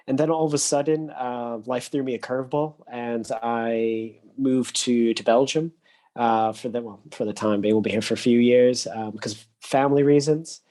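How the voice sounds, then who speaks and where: A man from the United States, a consultant, introducing himself in a relaxed, steady way with many ums. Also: medium pitch, normal speed. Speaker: guest consultant. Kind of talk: casual self-introduction.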